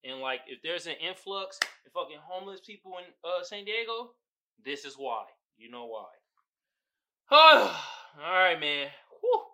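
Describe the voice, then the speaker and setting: A man hosting his own podcast, ranting in a casual, profane, animated way that rambles. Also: high-pitched, measured pace. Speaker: podcast host.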